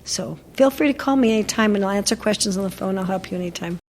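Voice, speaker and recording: Older woman, dog trainer, gravelly, mid pitch, chatty rambling storyteller, interview guest. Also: fast talker, a little mellow, in a large hall, slight background noise. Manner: chatty storytelling with many fillers and restarts. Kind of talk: casual interview chat.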